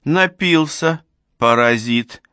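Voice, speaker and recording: A man's voice: fairly high pitch, slow pace, bright, forceful tone, clean tone, no room sound, studio quality, voice pushed up. A man voicing a bossy elderly village woman, a retired teacher with a piercing, scolding voice.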